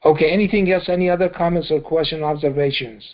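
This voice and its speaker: A man's voice: a little high, steady tone, fast talker, lo-fi sound. A man leading a scripture study, explaining verses in a conversational way and often checking in with "okay?". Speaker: Quran study teacher.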